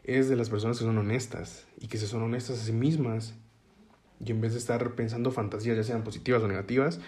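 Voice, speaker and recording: A man's voice: mid-range voice, steady tone, quick pace, darkish tone. A man giving a casual, explanatory self-help talk, often checking in with listeners as he goes and leaning on everyday metaphors to make his points. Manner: conversational, checks in with listeners with frequent "ok?"; uses metaphors to explain ideas.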